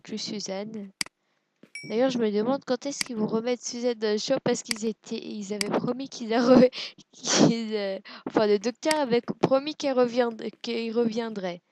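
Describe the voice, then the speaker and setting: A woman's voice: on the high side, normal speed, darkish tone, slight background noise, poor audio. A woman giving casual gameplay commentary, hesitant and self-deprecating, musing aloud with lots of fillers. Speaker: let's play gamer.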